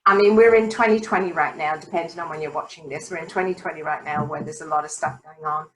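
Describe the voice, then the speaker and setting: A woman's voice: sits low, steady tone, fast, crowd noise, poor audio. An older British woman hosting a casual interview, reflective and encouraging as she talks. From Britain. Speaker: host.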